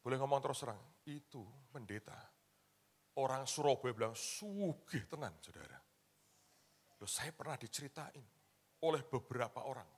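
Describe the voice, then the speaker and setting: A male pastor delivers a sermon in a colloquial, dramatic style, swinging from loud shouts to hushed asides and often speaking directly to the congregation. His voice is medium-pitched and his pace brisk.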